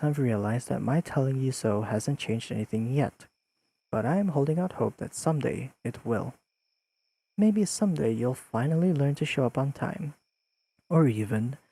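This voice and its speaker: Speaking to the listener in an intimate audio roleplay, a man with a husky, mid-range voice portrays a pedantic, deadpan young friend who is secretly fond. His sentences are precise and formally worded, laced with dry teasing.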